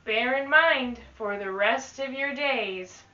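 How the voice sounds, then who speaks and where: A teaching artist reads aloud to young children, enunciating at a very slow, careful pace. Her fairly high voice is very bright and crisp, expressive and instructional like a story-time teacher, and the audio is echoey and slightly dull, as in a live room.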